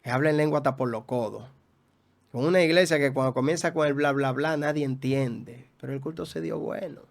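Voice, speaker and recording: A man's voice: medium pitch, fairly quick, creaky. A man, a guest pastor teaching in a preaching style, emphatic, with rhetorical questions and repeated phrases.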